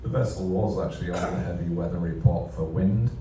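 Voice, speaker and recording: A man's voice: deep voice, fairly quick, warm tone. A man, a ship captain, explaining things conversationally to an audience in a live interview. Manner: conversational, explanatory, rhetorical questions. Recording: very echoey, distant mic, clear background noise.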